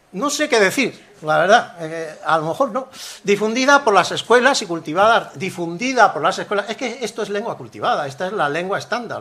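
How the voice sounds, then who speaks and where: An older man lecturing at an academic conference in a high, bright voice. He talks in an animated, rhetorical way and keeps acting out the phrases he quotes, and his pitch rises and falls sharply as he does. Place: university lecture hall.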